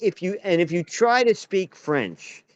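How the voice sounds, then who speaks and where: This man's voice is high and animated, a little slow, in a dry, lo-fi recording. He's an American actor and playwright in casual talk, telling rambling stories and frequently breaking off to restart.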